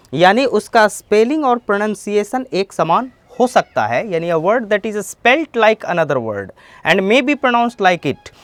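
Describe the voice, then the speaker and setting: A man's voice: high voice, no room sound. A man teaching English vocabulary, explaining each term and then restating it in simpler words. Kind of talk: bilingual vocabulary lesson.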